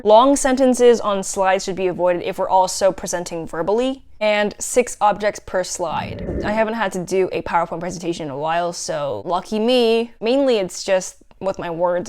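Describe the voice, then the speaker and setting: A young woman talks casually into her camera, reflecting on a class topic with a playful, self-mocking humor and animated asides. Her voice is smooth and clear, sitting at an everyday middle pitch. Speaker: student giving a class video response.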